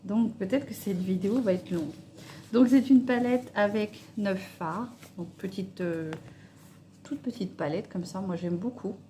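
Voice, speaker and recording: A woman's voice: medium pitch, unhurried, background noise. A woman vlogger chatting casually and hesitantly about makeup palettes, swatching them on her hand while she talks. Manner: chatty, hesitant, with many fillers. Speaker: beauty vlogger. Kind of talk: casual makeup review chat.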